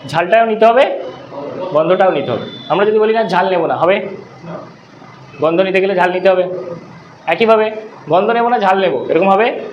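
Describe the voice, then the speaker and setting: A man teaching an English class as tutor, talking conversationally and often checking that students follow. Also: high-pitched. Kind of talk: classroom lecture. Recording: roomy echo, faint room noise.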